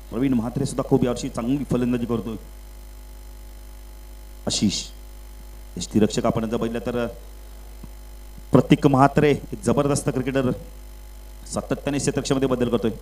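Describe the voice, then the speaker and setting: Over a public address mic at an outdoor local cricket match, a man calls the action live, his voice rising in volume and pitch on runs and wickets and settling down between balls. He sprinkles English cricket terms through his commentary. The recording is rough.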